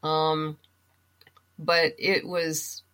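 A comic book writer and novelist, appearing as a guest, speaks very slowly in a low, level voice that is a bit bright. She talks conversationally about books in a casual chat, working through her thoughts aloud.

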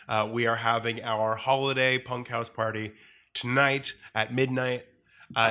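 Brief: male podcast guest, improv performer, bright sharp voice, hesitant and giggly. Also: medium pitch. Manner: rambling, laughing, hesitant with many uhs. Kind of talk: casual chat.

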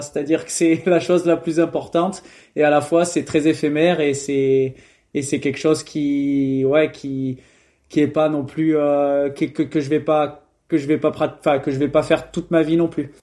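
A man's voice: on the high side, mellow. A young man from France answering interview questions in a casual, hesitant way, with many fillers and restarts. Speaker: guest, professional triathlete.

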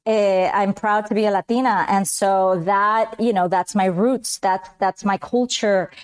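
Woman, 40s; chatty guest, smooth clear voice, mid pitch. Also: fairly even intonation, a little slow. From Colombia, raised in Miami. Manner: chatty, warm storyteller, switches into Spanish phrases. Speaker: podcast guest. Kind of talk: casual interview chat.

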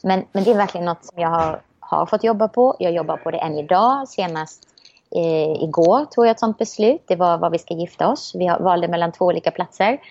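A woman talking in a relaxed, reflective way, a little hesitant with frequent restarts. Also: on the low side, dry recording, dull audio. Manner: reflective and optimistic, many restarts. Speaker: guest. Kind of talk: casual conversation.

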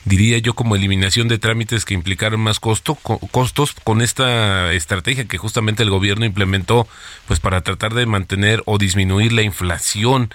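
Low-voiced male radio interviewer. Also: fairly even intonation, a little fast, fairly bright tone. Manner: long winding questions with fillers.

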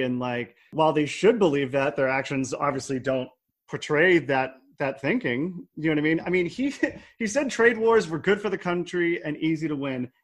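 Chatty male podcast host. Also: on the high side. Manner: chatty, many fillers, reads news aloud. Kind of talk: casual motorcycle news chat.

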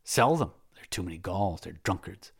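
A man's voice: sits low, lively intonation, normal speed, gravelly, husky, exaggerated voice. A man reading as a stern, scornful general who gives commanding orders in a storybook. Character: stern, imperious male Carthaginian general.

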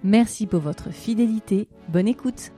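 A woman's voice: medium pitch, measured pace, warm tone, soft background music. A woman hosting a podcast, presenting and asking questions in conversation. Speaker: podcast host. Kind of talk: scripted podcast introduction and casual interviewing.

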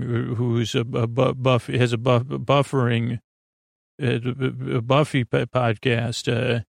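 This bedtime sleep podcast host rambles through an off-the-cuff monologue, tripping over words, stammering and drifting into tangents in an absent-minded, self-deprecating way. His voice is medium in pitch with a fried, creaky edge, captured close and dry without any echo.

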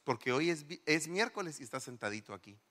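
A middle-aged man preaches a lively sermon, throwing rhetorical questions at his congregation. His voice sits a little high and rings bright and forceful. The church around him adds a long, trailing reverb. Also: fast talker. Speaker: pastor. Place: church hall.

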